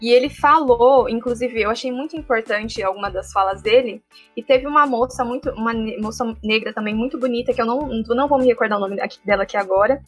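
A woman with a Brazilian Portuguese accent, telling viewers a personal story in a casual, animated way and acting out what others said. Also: on the high side, quick pace, no room sound, faint music behind. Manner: animated, often acts out quoted voices. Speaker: vlogger.

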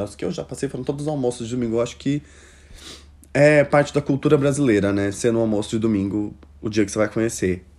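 A man with a Brazilian accent hosting a casual chat, reading out listener stories with a gossipy, expressive manner, laughing often and exclaiming loudly. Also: medium pitch. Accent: Brazilian Portuguese.

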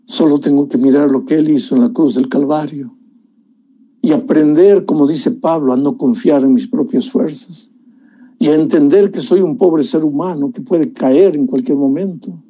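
A man's voice: fairly high pitch, normal speed, dark tone, breathy edge. A man preaching a sermon, telling the story emotionally and addressing the listener as dear one.

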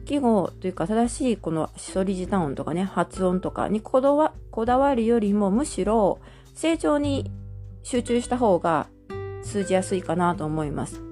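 A woman's voice: mid-range voice, darkish tone. A woman from Japan teaching a language lesson, explaining patiently step by step with many fillers.

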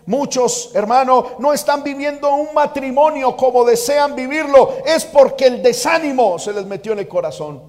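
A man preaching a sermon as pastor, fervent, moving from quiet asides to shouted exhortation. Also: very high voice, moderate pace, hardly any pauses. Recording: reverberant church hall.

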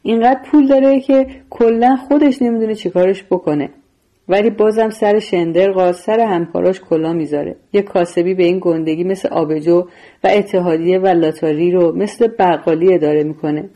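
A woman's voice: lowish voice, warm tone, low-quality recording. A woman voicing a defiant, foul-mouthed male gangster who hurls scornful insults.

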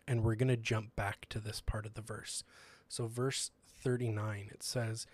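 A young man speaks in a low, fairly flat voice, giving a casual sermon. He talks in an earnest, conversational way, with plenty of ums and restarts as he works through his thoughts. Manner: earnest and conversational, many fillers.

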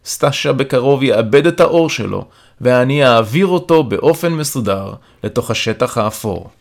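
A man's voice: mid-range voice, animated, creaky. A man voicing a cold, dutiful policeman who speaks in a raised, brusque, matter-of-fact way, in an audiobook.

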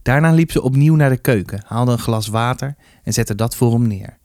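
A man reading a youth novel aloud with steady, measured narration. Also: medium pitch, no echo, clean studio sound. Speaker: reader. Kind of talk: storybook reading.

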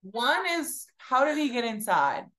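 A woman's voice: a little high, sing-song, a little slow, fairly bright tone. A young woman co-hosting a casual chat podcast, asking questions, laughing often and swearing casually. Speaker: podcast co-host.

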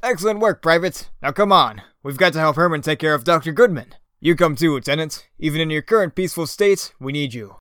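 A man's voice: a little high, expressive, fairly quick, few pauses, a bit bright, smooth, dry recording, studio quality. A man playing a bombastic patriotic space captain. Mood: commanding. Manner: earnest, overblown heroic delivery. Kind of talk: comedy audio drama acting.

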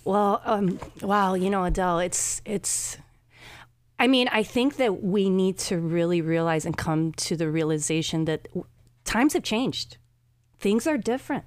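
A middle-aged woman chatting casually as a show guest, halting often and padding her talk with asides. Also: mid-range voice, lively intonation, no room sound, studio quality. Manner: halting, with frequent 'you know' asides. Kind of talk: casual conversational chat.

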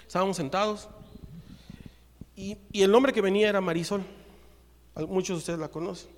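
A Mexican preacher with a high-pitched voice tells a story from the pulpit, acting out each exchange. His voice rings with a long reverb, as in a church hall. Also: brisk. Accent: Mexican Spanish. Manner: lively storytelling, acts out the dialogue. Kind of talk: sermon with personal testimony.

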